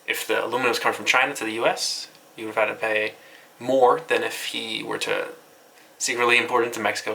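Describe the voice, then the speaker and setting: Here a man with a fairly low, vocal-fried voice that sounds pushed and bright gives a casual online news rundown. He keeps it loose and offhand, swearing at times, over low-quality audio with light background noise.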